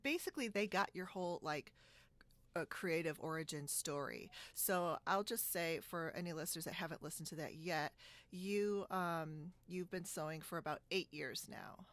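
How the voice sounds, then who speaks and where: A woman with a lowish, slightly bright voice speaks at a moderate pace in a dry recording. She's a podcast host doing a casual interview over a video call from a room at home, chatty and prone to giggling.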